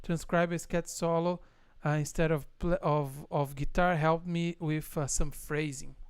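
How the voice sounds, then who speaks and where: A man with a Brazilian Portuguese accent, a native Portuguese speaker, hosting a casual online interview as a guitar teacher, relaxed, with many fillers and frequent laughs. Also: a little high, unhurried, clean tone, dry recording.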